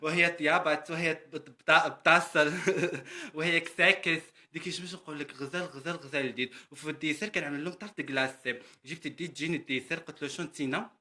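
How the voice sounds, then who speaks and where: A boastful, self-important Moroccan housemaid woman, played by a man rattles on at a breakneck pace in a comedy sketch. The voice sits fairly high and bright, with a Moroccan Arabic accent, and she keeps calling the listener sister. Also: fairly even intonation, quick pace. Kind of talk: comedy character monologue.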